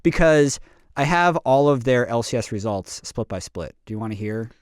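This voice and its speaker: A man's voice: medium pitch, lively intonation, normal speed, clean tone, no room sound, studio quality. A man hosting a podcast, chatting casually and upbeat with a guest. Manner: upbeat, conversational, reads out lists. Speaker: podcast host.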